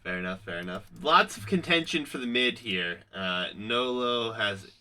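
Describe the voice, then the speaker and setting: A man's voice: mid-range voice, expressive, normal speed, pushed and bright. A man casting a live strategy game tournament, upbeat and hype-building. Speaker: caster.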